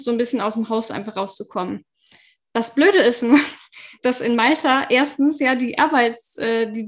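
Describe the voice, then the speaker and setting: A young woman telling her work story in a casual podcast chat, laughing often between fillers. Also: a little high. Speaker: podcast guest.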